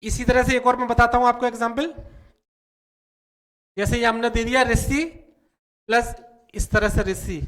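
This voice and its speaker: A man's voice: extremely high pitch, flat delivery, fairly bright tone. A man with a North Indian Hindi accent teaching a grammar lesson, explaining step by step and repeating each point. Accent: Hindi-speaking North Indian. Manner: slow, repetitive explaining with frequent "ठीक है".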